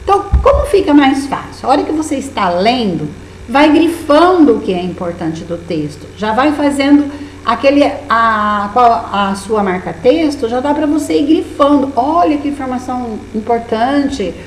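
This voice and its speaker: A woman's voice: high voice, expressive, normal speed. Encouraging Brazilian teacher woman, echoey room. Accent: Brazilian Portuguese. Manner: patient, encouraging, with many diminutives. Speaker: primary school teacher. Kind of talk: remote lesson walking through a workbook. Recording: echoey room with faint hum.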